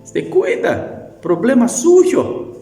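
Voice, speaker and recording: A man's voice: extremely high pitch, huge pitch swings, drawn-out words, warm tone, pitched above the performer's own voice, full character voice. A man with a Brazilian Portuguese accent voicing an indifferent, dismissive hen in a sermon story, in an echoey hall with faint music. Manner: curt and dismissive.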